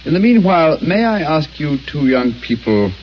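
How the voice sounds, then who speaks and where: An actor playing Sherlock Holmes, a brilliant male detective, who explains his deductions in a precise, deliberate way, on an old radio recording. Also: a little high, very animated. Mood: deducing. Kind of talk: vintage radio acting. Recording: dull old radio recording, faint hiss.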